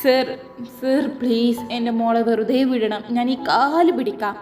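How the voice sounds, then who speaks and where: A woman's voice: fairly high pitch, unhurried, a little mellow, roomy sound, faint music behind, natural voice. Woman voicing a desperate pleading nurse. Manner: begging, tearful pleading.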